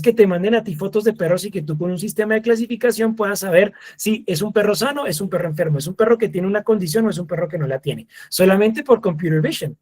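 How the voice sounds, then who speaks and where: A man in his thirties lectures a live masterclass audience. His voice sits a little high and has a husky edge. He talks in an animated way and acts out short exchanges with voice assistants.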